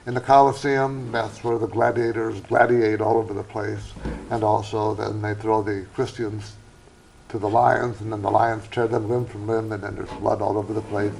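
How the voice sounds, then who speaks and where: A man's voice: lowish voice, gravelly, darkish tone, low-quality recording. A man hosting a speaking club show and telling a joke in a folksy storytelling way. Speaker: host. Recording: faint background noise.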